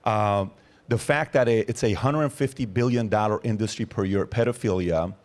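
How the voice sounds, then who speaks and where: A man's voice: lowish voice, moderate pace, a little mellow. A man in his forties hosting a podcast, building long questions with many fillers before he asks. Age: 40s. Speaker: podcast host. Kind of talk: interview questions.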